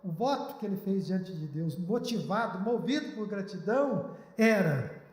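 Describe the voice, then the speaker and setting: A man's voice: high-pitched, expressive, moderate pace, darkish tone. A male pastor preaching a sermon in an earnest, pleading way, recorded in a church. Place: church hall. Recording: echoey church hall.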